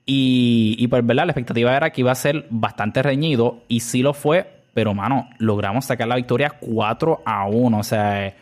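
A young man with a Puerto Rican accent talks through his podcast in a loose, chatty way. He leans on fillers and slips English words into his speech, at a middle pitch for a man. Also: normal speed, hardly any pauses. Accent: Puerto Rican Spanish. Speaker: podcast host. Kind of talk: casual podcast monologue.

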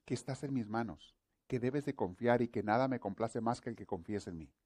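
A man's voice: mid-range voice, a little fast, a little mellow, close to an everyday voice. A man preaching a sermon gives voice to God, a mighty, commanding male divine presence who talks in solemn, proclaiming phrases and keeps repeating one name.

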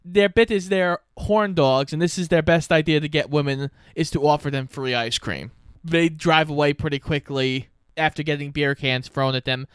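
A man's voice: a little high, moderate pace, fairly bright tone, smooth, dry recording, clean studio sound. A young man co-hosting a casual movie review podcast, recapping the plot in an easygoing way. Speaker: podcast co-host.

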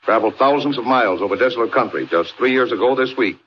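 An actor playing a brisk, earnest newspaper editor in an old-time radio drama. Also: male voice, mid-range voice, lightly acted. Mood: grave, urgent. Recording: noisy, dull old radio recording.

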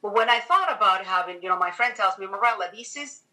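Speaking fast with lively intonation, a middle-aged Venezuelan-accented woman whose first language is Spanish shares personal stories as a podcast interview guest. Her voice is medium-pitched and sharp, and she talks emphatically.

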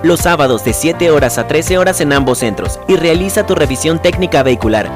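A man reading a public service announcement in a clear, instructive manner. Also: on the high side, lively intonation, a little fast, over music. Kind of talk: scripted announcement.

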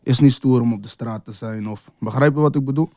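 Young male rapper guest, mellow dry voice, loose street-slang delivery. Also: medium pitch, fairly quick, no echo. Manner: laid-back, street slang, constant "je weet toch". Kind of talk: casual interview chat.

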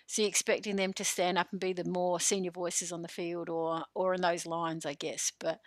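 A woman with an Australian accent, a football coach co-hosting a casual sports podcast, animated and quick to laugh. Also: fairly low pitch, dry recording. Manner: animated, chatty, laughs often.

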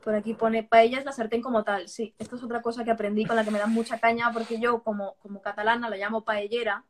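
A woman's voice: fairly high pitch, little pitch movement, quick pace. Woman, from Barcelona, podcast guest, casual chat, frank, chatty, repeats words. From Barcelona, Spain. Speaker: podcast guest, vegan author. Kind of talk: casual conversation.

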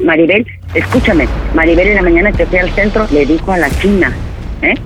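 A high, shrill voice belongs to a furious Mexican woman who feels betrayed by a friend, played by a man putting on the voice. She scolds insistently, demands to be heard and cuts the other person off. Faint music sits under the prank phone call. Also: brisk, natural voice. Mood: indignant. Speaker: prank caller.

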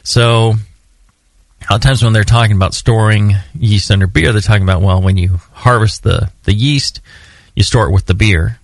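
A man's voice: fairly low pitch, moderate pace, dry recording, clean studio sound. A man co-hosting a homebrewing podcast, talking in a loose, rambling way with lots of fillers and some teasing. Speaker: podcast co-host. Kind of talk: casual podcast chat.

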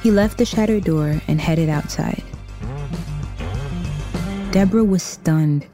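A woman reading a scripted story narration in a measured storytelling manner. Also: low voice, dark tone, dry recording.

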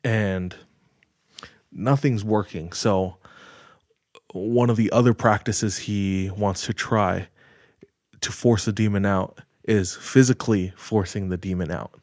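A man casually retelling a story on a podcast, measured and full of filler words. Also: fairly low pitch, steady tone, darkish tone, no echo, clean studio sound. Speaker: podcast host telling a story.

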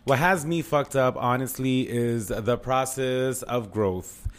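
A man's voice: mid-range voice, slow pace. Guy podcast host just chatting, super candid, slangy, swears a lot. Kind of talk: casual chatty podcast talk.

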